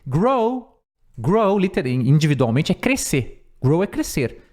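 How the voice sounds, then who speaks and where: Lively male teacher explaining English phrases. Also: a little high. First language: Portuguese. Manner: patient, repeats and spells out words, slows for examples. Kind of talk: language lesson explaining phrases.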